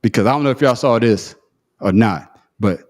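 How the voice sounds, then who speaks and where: A man with a medium-pitched voice speaks at a moderate pace while hosting a casual podcast. He argues emphatically in a heated but casual debate, often restarting his sentences.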